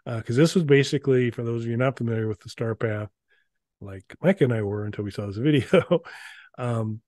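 Speaking fairly quickly at medium pitch, a little mellow, the middle-aged retro gaming show co-host rambles casually and unscripted, stopping and starting wryly. He's in a small indoor room, and the sound is dry and close with no echo.

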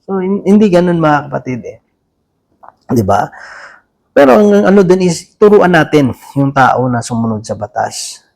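A man's voice: a little high, lively intonation, moderate pace, vocal fry, pauses often, darkish tone. A man preaching a sermon in a casual, conversational way, often turning to the listeners with a question. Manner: many restarts and fillers, chatty and informal.

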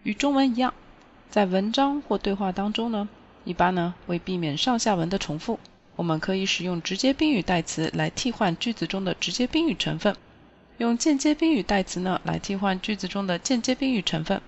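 Woman, language teacher, clear step-by-step explaining, mid pitch, dull lo-fi recording. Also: lively intonation, fairly quick, a little hiss or hum.

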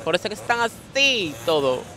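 A woman's voice: mid-range voice, big pitch swings, fairly quick, sharp tone. A woman with a Dominican accent, talking flamboyantly in a casual street interview and calling everyone "mi amor".

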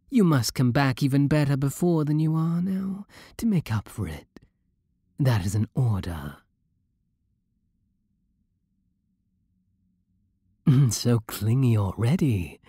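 Playing a British vampire king for ASMR, this man's medium-pitched voice is husky and very breathy, moving slowly and imperiously with a lively, swooping melody. He sounds formal, possessive and teasing, tender yet commanding, speaking close into a dry microphone in a dry recording.

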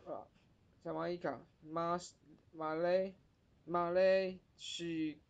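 A woman teaching a Japanese pronunciation lesson in Mandarin, repeating words slowly and drawing out their sounds. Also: fairly low pitch, level tone, clean tone. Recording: dull lo-fi recording.

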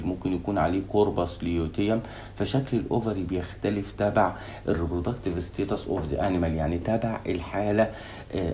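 A man's voice: deep voice, mellow, a little hiss or hum. A man with an Egyptian Arabic accent giving a lecture, mixing English terms into his explanations and asking and answering his own questions. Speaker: veterinary anatomy lecturer. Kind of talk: recorded lecture.

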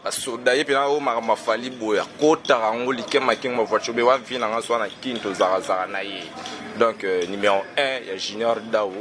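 A man answering interview questions in a rambling, halting way, with many fillers. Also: fairly low pitch, steady tone. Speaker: interview guest, musician. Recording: noisy outdoor urban ambience.

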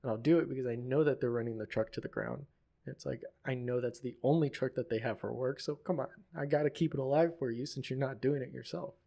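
A man's voice: medium pitch, fast, vocal fry, warm tone. A man co-hosting a podcast in casual chat, telling stories loosely with lots of fillers. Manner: loose, filler-heavy storytelling. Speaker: podcast co-host.

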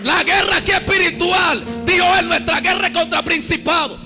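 A man preaching a fiery sermon to a church congregation, shouting in sing-song bursts and calling on the crowd to answer. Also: very high-pitched, normal speed, over music. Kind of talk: Pentecostal sermon. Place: church service.

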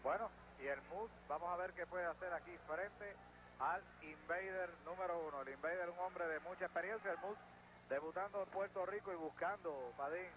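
Guy doing wrestling color commentary, high pitch, noisy old tv tape. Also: moderate pace. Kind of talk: analytical sports commentary. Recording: noisy, degraded 1980s TV tape.

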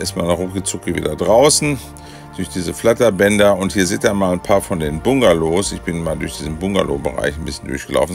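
A man giving a relaxed, chatty voice-over tour of a campsite, with many hesitation fillers. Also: sits low, vocal fry. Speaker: motorhome travel vlogger.

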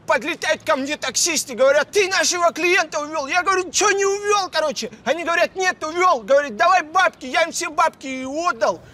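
A squeaky-high cartoon street hustler. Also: male voice, brisk, hardly any pauses, pushed and bright. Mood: sheepish, wheedling. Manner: slangy, wheedling, mock-dignified. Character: wily young street hustler taxi driver, smooth-talking, chummy. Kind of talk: animated comedy dialogue.

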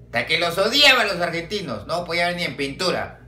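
A man with a Peruvian accent telling a joke as a stand-up comedian, swearing and jumping around in pitch. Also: fast talker, echoey room. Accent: Peruvian Spanish. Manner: swearing, animated storytelling with big pitch jumps.

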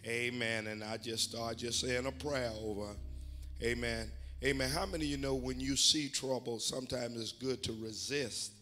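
A man's voice: medium pitch, fairly even intonation, moderate pace, pushed and bright, faint music behind. Older male preacher, folksy and emphatic. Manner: folksy preaching with constant amens, building to emphatic exhortation. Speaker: bishop and pastor. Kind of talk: sermon. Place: church sanctuary.

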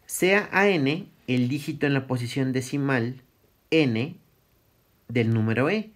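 In this recorded math lecture, a middle-aged teacher speaks slowly at a medium pitch with lively intonation. His manner is casual: he works things out aloud, catches and corrects his errors, and chuckles at them.

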